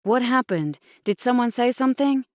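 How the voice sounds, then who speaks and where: A woman's voice: a little high, animated, normal speed, darkish tone, dry recording, clean studio sound, voice pushed up, close to an everyday voice. An Australian woman reading a protective dad. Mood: urgent. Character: protective father, anxious and commanding.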